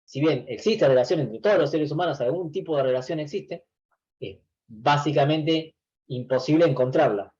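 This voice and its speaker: A man's voice: on the high side, normal speed, a little mellow, lo-fi sound. A man teaching a university class over a video call. He explains patiently, restarting phrases and often saying "eh". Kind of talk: online class lecture.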